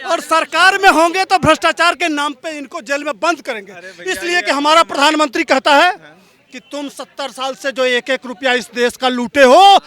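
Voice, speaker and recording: A man arguing loudly and taunting his opponents in a heated street debate outdoors. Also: very high voice, normal speed. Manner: loud, combative, taunting. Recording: crowd noise behind.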